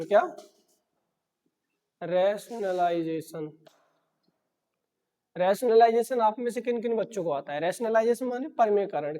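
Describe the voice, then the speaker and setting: Man, math teacher, classroom lecture, mellow tone, repeats key words as questions, long room reverb. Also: high-pitched.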